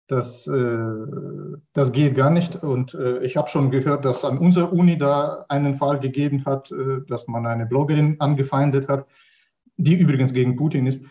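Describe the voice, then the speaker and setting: A man's voice: mid-range voice, mellow, highs cut off. A middle-aged native Russian speaker, a man with a Russian accent, speaking spontaneously on a discussion panel and searching for words with repeated starts. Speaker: academic panelist.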